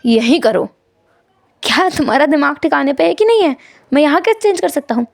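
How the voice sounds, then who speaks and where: Lady doing a flustered young husband, stammers a lot, high voice, dry close sound. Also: big pitch swings, vocal fry, no room sound, heavily acted. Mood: protesting. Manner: stammering, pleading, rushed.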